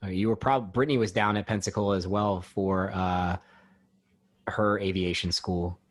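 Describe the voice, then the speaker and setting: A man hosting a casual podcast interview, talking in an easygoing, conversational way with halting fillers. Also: sits low, steady tone. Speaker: podcast host.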